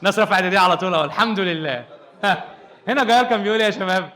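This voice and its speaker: A young Egyptian man teaching English to a crowd, playful and quick to laugh as he quizzes his students. His voice sits high and rushes along at a fast clip. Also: bright, forceful tone. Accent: Egyptian Arabic. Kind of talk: lively classroom teaching. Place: youth hall with a live audience.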